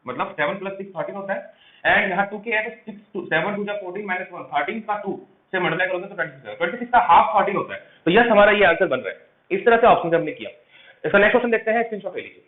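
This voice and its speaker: Man, math teacher, quick high voice, echoey room, tinny phone-like sound. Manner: explains quickly, asks and answers his own questions. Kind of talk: step-by-step exam tutorial.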